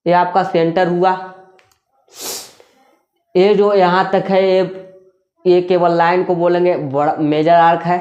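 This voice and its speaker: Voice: mid-range voice, flat delivery, slow, long pauses, a little mellow, dull audio. Patient, repetitive maths teacher. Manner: repeats key terms and asks rhetorical questions; checks in with tag questions. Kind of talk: classroom-style explanation.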